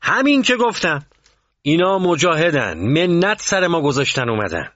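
A man's voice: mid-range voice, very animated, a bit bright, slightly rough, no room sound, pitched above the performer's own voice. A man voicing a stern, passionate male commander who raises his voice to give orders. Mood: shouting fervently. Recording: dull muffled recording.

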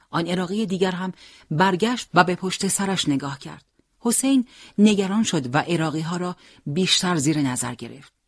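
A storyteller reads a wartime tale in a steady, measured voice. The pitch is mid-range and the sound is dry, with no room around it. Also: dry recording. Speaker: narrator. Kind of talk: scripted storytelling narration.

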